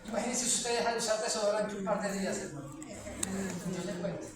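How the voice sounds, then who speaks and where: A woman's voice: mid-range voice, fairly quick, background noise. Woman preaching in a very echoey hall. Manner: frequent "¿sí?" checks to the audience, repeats phrases for emphasis. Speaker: preacher giving a testimony. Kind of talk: dramatic testimony sermon. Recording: very echoey from far off.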